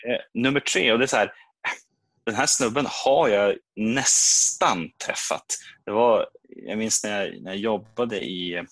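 A man tells a story in casual podcast chat, acting out his own reactions as he goes. His voice sits fairly low, and the sound is close and dry with no room echo. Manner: animated anecdote telling with acted-out reactions. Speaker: podcast co-host.

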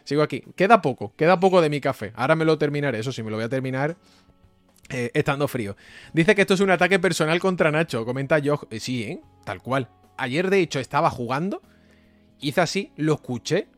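A young man with a Spain Spanish accent, streaming and reading his live chat in a joking, animated way, often laughing and repeating exclamations. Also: fairly high pitch, a little fast, no room sound, soft background music. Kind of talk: casual livestream chat.

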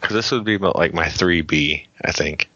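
A laid-back man co-hosting a comic book podcast, with a very deep voice that still has a bright, forceful edge. He often murmurs agreement. The recording is dull and lo-fi. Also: normal speed, no room sound. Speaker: podcast co-host. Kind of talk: casual chat.

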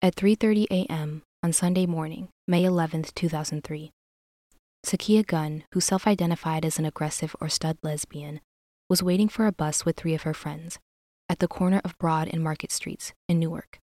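A woman's voice: deep voice, steady tone, moderate pace, dark tone, dry recording, clean studio sound. A woman hosting a true crime podcast, reading scripted narration.

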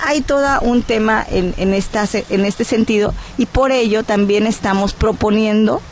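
A woman's voice: mid-range voice, normal speed, slight background noise. A woman from Guerrero with a Mexican accent, speaking as a guest in a radio interview. She argues her case earnestly and stops often on hesitation sounds. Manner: earnest and persuasive, with frequent "eh" hesitations. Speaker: cultural advocate, interview guest.

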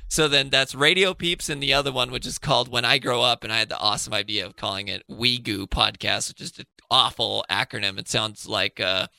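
A man's voice: mid-range voice, fairly even intonation, fairly quick, gravelly, hardly any pauses, bright, forceful tone, no echo. A man chatting casually as a podcast guest, rambling and swearing, trailing off and restarting his sentences. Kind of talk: casual chat.

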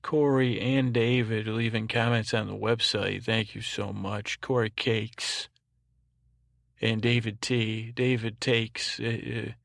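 This bedtime podcast host has a low voice with vocal fry and talks slowly in a soporific, monotone drone. He rambles, stumbles, and interrupts his own monologue. The recording is dry and studio quality.

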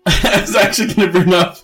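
A man hosting a podcast with animated, jokey, casual banter. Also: high-pitched, moderate pace, faint music behind. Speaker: podcast host.

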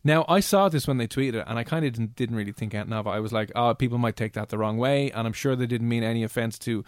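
Male radio host, Dublin Irish accent, very quick, animated casual chat, dry close sound. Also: mid-range voice, no echo. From Ireland.

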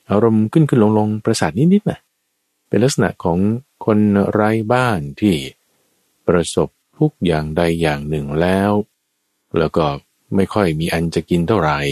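A man preaching a Buddhist sermon as a lively story, addressing his listeners and acting out the characters. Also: dry recording. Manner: lively storyteller, acts out quoted characters with sudden high shouts. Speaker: dharma preacher.

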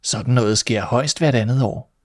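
A man's voice: mid-range voice, close to an everyday voice. A man doing a sly greedy storybook cat. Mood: smug. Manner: smug and sly, turning sharp and threatening. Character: sly greedy male tomcat, smug and menacing.

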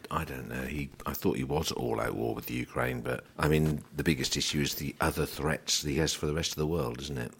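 Deep husky man, wry rambling host, farm market chat. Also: steady tone, brisk, hardly any pauses. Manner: wry, rambling, mock-announcer asides. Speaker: host of a farming market talk.

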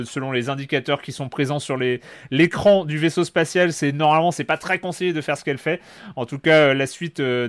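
A man hosting a casual chat about video games, speaking hesitantly with many fillers. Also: a little high. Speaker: podcast host.

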